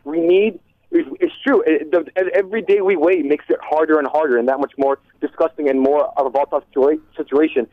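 A young college-age man on a call-in radio show, pressing his point with rapid, urgent passion. His voice comes through a thin, phone-like line. The sound is dry and close. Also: on the high side, steady tone, no room sound. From United States. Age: young adult. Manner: fast, urgent, passionate arguing. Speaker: caller.

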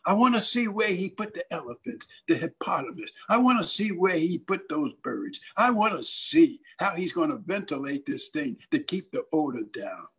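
A man's voice: on the high side, sing-song, normal speed, few pauses, a bit bright, husky, heavily acted. A man voicing a curious teenage schoolboy with a casual, brash manner.

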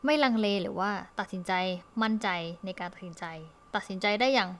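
A young Thai woman records an English lesson for her students. She goes through each word slowly and repeats it often. Her voice sits at an ordinary middle pitch. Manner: explains step by step, often repeating words. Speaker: English teacher.

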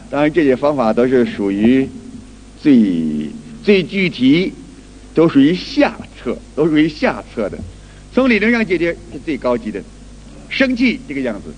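There's a little hiss or hum behind this high-pitched man, a qigong teacher whose spoken lecture is full of acted-out everyday scenes and repeated, restarted phrases. The hall adds long reverb.

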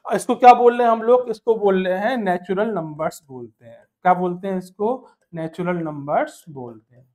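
A man's voice: high-pitched, moderate pace. Male math tutor, exam prep lesson, keeps firing questions at the class and answering them himself, says my dear a lot. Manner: calls listeners "my dear", mixes English terms into Hindi; counts numbers aloud in steady rhythm. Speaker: math teacher.

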